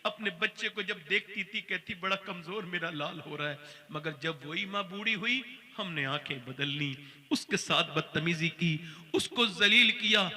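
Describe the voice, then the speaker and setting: High bright preacher in a hall. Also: male voice, measured pace. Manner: emotional storytelling, acting out quoted voices. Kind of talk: sermon.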